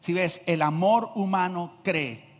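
A middle-aged man, preaching a sermon as a pastor, swinging from loud shouts to quiet asides. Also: high-pitched, slow pace. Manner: energetic, swings from shouting to quiet, acts out quotes. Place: church hall. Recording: long reverb of a large hall.

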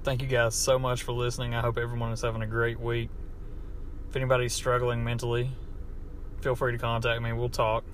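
A man's voice: medium pitch, completely flat delivery, brisk. A man with an Appalachian hillbilly accent recording a casual, unscripted, profane and self-deprecating podcast monologue in a car. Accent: Appalachian hillbilly American. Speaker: podcast host. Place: inside a car. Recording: background car noise, amateur setup.

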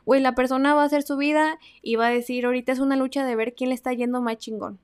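A woman's voice: high-pitched, fairly even intonation, fast talker, smooth. Chatty Mexican woman podcaster. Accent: Mexican Spanish. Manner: chatty, slangy, swinging between loud emphasis and soft asides. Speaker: podcast host. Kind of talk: casual advice podcast.

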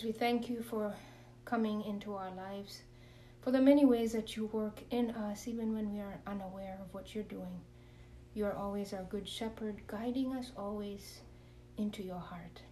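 A religious sister from Kenya earnestly and reflectively shares her faith story and leads a prayer during an interview. Her medium-pitched voice is mellow, with a little hiss or hum, and she sounds a bit far from the mic.

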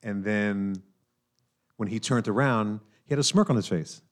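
A man from New York talks through a podcast conversation in a lowish voice. He is animated and loose, circling back on his points with fillers and tag questions. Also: moderate pace. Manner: animated, talks with hand-wavy fillers and repeats himself. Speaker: podcast host. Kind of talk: casual chat.

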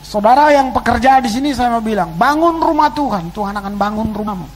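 A man preaching a sermon to his congregation, swinging between loud exclamations and quiet asides. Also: very high-pitched, expressive, fairly quick, low-quality recording. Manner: addresses the congregation as "saudara". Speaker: pastor. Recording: faint background noise and hum.

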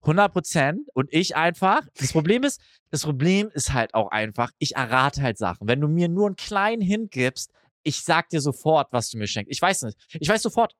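A man's voice: a little high, big pitch swings, normal speed, a bit bright, no room sound, clean studio sound. A young man co-hosting a podcast in casual chat, loose and chatty, dropping English slang words. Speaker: podcast co-host.

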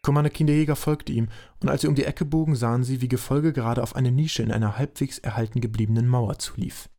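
A man's voice: medium pitch, fairly even intonation, fast, mellow. A man narrating an amateur audio drama in a dry, matter-of-fact way.

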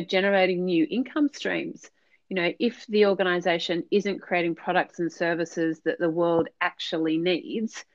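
Muffled audio with no room sound captures a woman's lowish voice. She's a business consultant on a podcast, giving earnest, explanatory interview answers in a conversational way, peppered with fillers.

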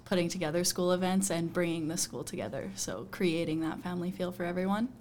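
A teenage girl from Canada, a graduating student who answers interview questions easily, often opening with "um". Her voice is a little low for a woman, with faint ambience in the background. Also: fast, darkish tone, a little hiss or hum. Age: late teens. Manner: easygoing, starts with "um".

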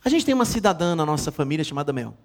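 A middle-aged man, a bishop preaching a sermon, telling family stories in a playful, animated way with sudden loud exclamations. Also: a little high, racing. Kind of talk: sermon with comic family storytelling.

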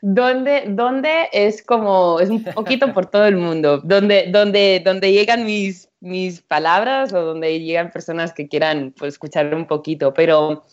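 A woman's voice: mid-range voice, measured pace, few pauses. A woman from Catalonia, a nutritionist guest, chatting enthusiastically on a radio show. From Spain (Catalonia, Empordà). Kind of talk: casual radio chat. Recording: dull lo-fi sound.

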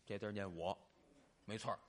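A man performing a staged comic crosstalk dialogue on stage, teasing and bargaining in animated banter. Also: fairly low pitch, fairly quick. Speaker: crosstalk comedian.

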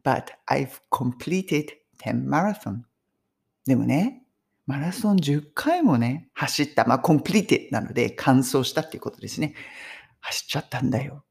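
A Japanese woman teaching English phrases in a chatty, animated way, mixing in personal stories. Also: extremely low pitch, measured pace, gravelly, slightly rough. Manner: chatty, animated storytelling with laughs. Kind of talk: casual English lesson.

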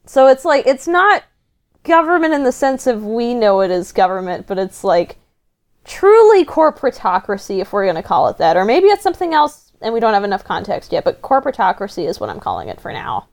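Female podcast guest, animated and fairly high, casual fan talk. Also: brisk.

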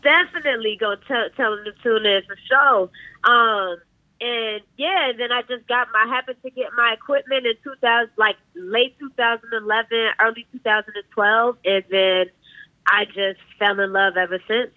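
A woman's voice: on the high side, fairly even intonation, moderate pace, no room sound. Laid-back woman DJ on a tinny line. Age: 20s. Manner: laid-back slangy storytelling, laughs often. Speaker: DJ guest. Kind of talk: casual interview chat. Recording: tinny phone-like line, dry.

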